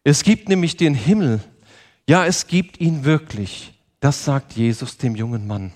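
A man's voice: medium pitch, lively intonation, a little slow, a little mellow. A man preaching a sermon in an earnest manner, speaking directly to his listeners and asking them questions. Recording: long reverb of a large hall.

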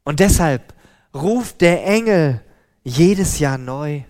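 A man preaching a sermon, slow and deliberate with emphatic pauses. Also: on the high side, expressive, darkish tone.

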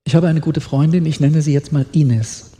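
A man's voice: on the high side, fairly even intonation, normal speed, dark tone. A middle-aged man preaching a sermon, reading scripture with rising feeling and asking the congregation questions. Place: church hall with long reverb. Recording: long hall reverb.

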